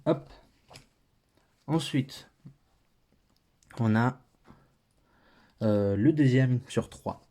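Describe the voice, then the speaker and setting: A man's voice: mid-range voice, extremely slow, long pauses, dark tone. A man with a French accent teaching a patient, step-by-step lesson, thinking aloud as he writes.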